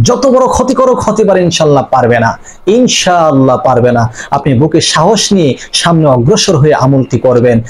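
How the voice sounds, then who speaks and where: A man with a somewhat high voice teaches a religious practice. He sounds earnest and reassuring, and he repeats key phrases for emphasis as he addresses his viewers directly. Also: a little mellow, low-quality recording. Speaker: Islamic spiritual teacher. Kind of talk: devotional instruction to viewers.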